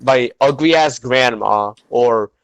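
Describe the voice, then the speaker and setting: A man's voice: mid-range voice, slow pace, gravelly, slight background noise, poor audio. A young man chatting casually on a podcast, rambling with lots of fillers. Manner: rambling, heavy filler words. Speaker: podcast co-host. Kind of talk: casual chat.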